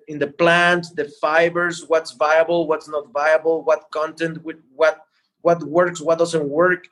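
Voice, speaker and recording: A man explaining things in an interview as a guest entrepreneur, halting and repeating words as he goes. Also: fairly high pitch, a bit bright. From Mexico.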